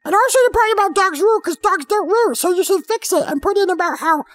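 A man's voice: very high voice, fast talker, a bit bright, in a large hall, voice pushed up. A man voicing a bratty, boastful kid-like male character who whines and praises himself. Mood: demanding. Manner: whiny, indignant, self-praising.

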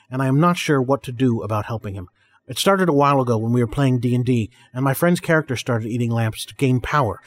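A man's voice: medium pitch, lightly acted. A man playing a dutiful co-host. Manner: formal, measured reading. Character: obliging male co-host reading mail.

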